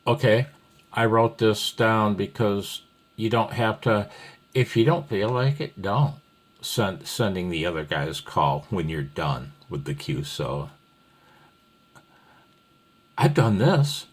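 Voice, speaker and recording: An amateur radio hobbyist teaching Morse code gives an informal, rambling tutorial, folksy and apologetic as he thinks aloud. His voice is fairly low and husky, with lively intonation, a slow pace and long pauses.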